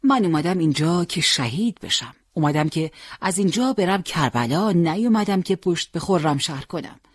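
A defiant old fighter who will not leave his post, as a storyteller puts him on. He speaks in a middle-pitched voice that climbs into loud, urgent cries. The recording is close and dry. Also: lively intonation, no echo, natural voice. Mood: resolute. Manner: defiant, shouting over battle. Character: stubborn devout old male volunteer fighter.

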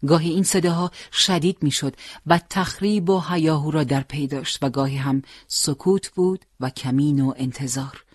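A narrator reading a war story aloud in a calm, measured way, in a dry recording. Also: mid-range voice, breathy edge, dry recording.

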